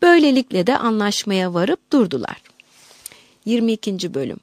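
Here an audiobook is narrated by a woman whose mid-range voice delivers a measured, expressive reading. The recording is clean studio audio without any echo.

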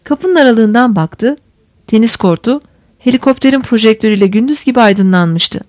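A woman's voice: fairly high pitch, no echo. Woman narrating a tense novel, dry. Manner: steady, measured storytelling. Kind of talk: scripted audiobook narration.

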